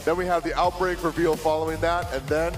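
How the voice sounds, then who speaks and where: A man's voice: fairly high pitch, level tone, brisk, faint music behind. A man hosting a panel, quizzing guests on their picks and announcing what comes next. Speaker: panel host. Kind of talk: broadcast hosting.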